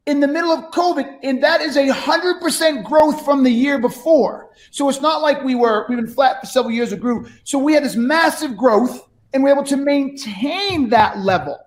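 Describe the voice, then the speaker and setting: A man with a strikingly high voice works as a sales coach, critiquing live and unscripted. He is blunt and emphatic, lectures with rhetorical questions and swears freely. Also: normal speed, hardly any pauses.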